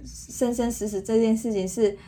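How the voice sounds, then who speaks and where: A woman's voice: a little high, steady tone, normal speed, a loud crowd. A woman, a mother co-hosting a parenting podcast and earnestly recounting family moments. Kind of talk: casual parenting podcast chat.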